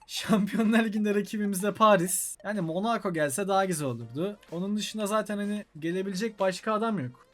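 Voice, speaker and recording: A young Turkish man calls the action of a football video game in his own channel's let's-play. His voice sits high for a man, and he swings between quick match calls and exasperated outbursts at the game. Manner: excitable, frustrated outbursts at the game. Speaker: gaming YouTuber.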